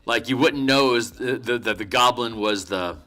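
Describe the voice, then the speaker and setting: With soft music in the background, this artist streaming his work speaks at normal speed in a mid-range voice that's bright and forceful. He chats casually while painting, murmurs instructions to himself, and makes chatty asides with frequent restarts.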